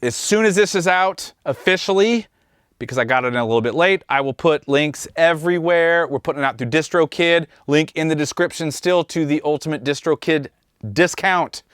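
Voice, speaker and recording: Clear and resonant with no room sound, this man's voice sits on the high side, fairly bright, at a moderate pace. He's a host, mixing engineer and drummer from Kansas, USA, casually walking through a track's mix from his studio control room.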